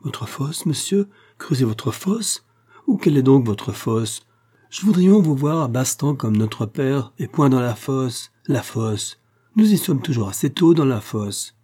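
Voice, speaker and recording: A man's voice: medium pitch, lively intonation, unhurried, dark tone, husky, pitched above the performer's own voice. A man voicing a chattering old peasant woman. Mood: fussing. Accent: rural French peasant dialect. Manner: rambling, fussing, rustic grammar. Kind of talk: audiobook character reading.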